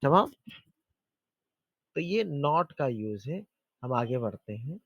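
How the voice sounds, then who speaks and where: A man's voice: medium pitch, very animated, no room sound, lo-fi sound. Patient male Arabic teacher on a call. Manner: patient, repeats words slowly for learners. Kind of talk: online beginner language lesson. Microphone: video call.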